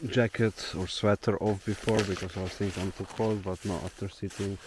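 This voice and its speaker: A young man with a Slovenian accent and a low, deep voice chats in a relaxed, rambling way as he hikes alone. He is recorded outdoors in a forest. Clear outdoor nature ambience sits behind his voice. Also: fairly quick, background noise. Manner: relaxed, thinking aloud while hiking. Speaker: solo traveler vlogger. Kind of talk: casual walking vlog.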